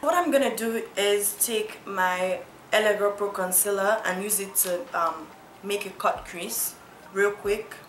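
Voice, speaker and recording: A woman's voice: mid-range voice, a little slow, a bit bright, slight background noise. A young woman from Nigeria, chatting and giggling through a makeup tutorial vlog, teasing herself as she goes. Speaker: beauty vlogger. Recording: roomy echo, faint music.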